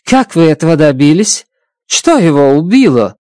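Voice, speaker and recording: A male narrator voicing a brisk, sardonic woman official in an audiobook, with dry teasing and impatient questions. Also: sits low, sing-song, darkish tone, no echo, voice pushed up. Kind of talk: audiobook character voice.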